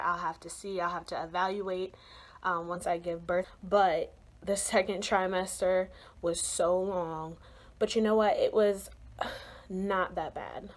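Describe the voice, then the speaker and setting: A woman's voice: lowish voice, darkish tone. A young adult woman chatting casually in her own vlog, bubbly and talkative with lots of "um" and "like". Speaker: vlogger. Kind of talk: casual pregnancy vlog chat.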